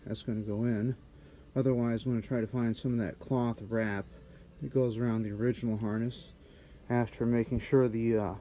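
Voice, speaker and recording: Brief: man, muffled respirator voice, mellow tone, casual workshop narration, handheld camera. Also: medium pitch, slight background noise. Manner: halting, many fillers while working. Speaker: car restorer. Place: auto body garage.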